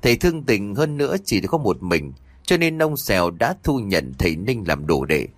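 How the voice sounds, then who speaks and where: A man with a low voice narrates an audio ghost story, his pitch rising and falling expressively. The sound is dry and close to the mic. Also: sing-song, normal speed, dry recording.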